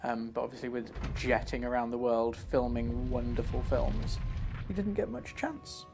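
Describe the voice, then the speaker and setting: A man chatting casually while playing a video game live, breaking into quick exclamations as he reacts. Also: medium pitch, gravelly. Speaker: streamer. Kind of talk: live gameplay commentary. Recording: game music playing behind.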